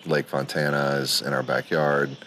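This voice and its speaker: A man's voice: extremely low pitch, little pitch movement, normal speed, sharp tone. A man giving casual, hesitant, thoughtful interview answers outdoors as a guest. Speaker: podcast guest, company CEO. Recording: faint outdoor ambient noise.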